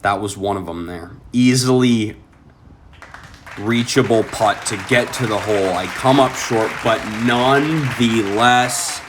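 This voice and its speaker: A man's voice: mid-range voice, a little slow, a crowd in the background. Rambling young man vlogging a golf round. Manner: chatty, rambling, talks to viewers as guys. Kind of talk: casual vlog commentary. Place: golf course outdoors. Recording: outdoor noise in background.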